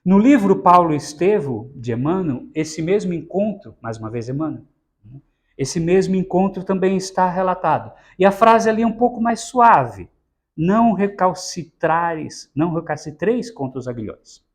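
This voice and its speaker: Homem brasileiro pregando, voz um pouco aguda. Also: male voice, sits high, sing-song, normal speed. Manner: explanatory, frequent tag "né?". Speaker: lecturer at a spiritist center. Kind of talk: spiritist Bible talk.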